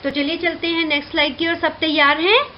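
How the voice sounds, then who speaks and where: A woman teaching a Hindi lesson to young children, drilling syllables clearly and often checking with the class. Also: extremely high pitch, fairly even intonation, quick pace. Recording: dull lo-fi recording with faint hiss.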